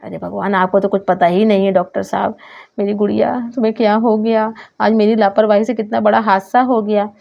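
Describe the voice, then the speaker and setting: A woman's voice: mid-range voice, little pitch movement, brisk, gravelly, close to an everyday voice. A woman voicing a worried grown man who pleads with a doctor and grumbles about her fee, in a doll story. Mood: anxious. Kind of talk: doll story role-play. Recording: dull lo-fi sound.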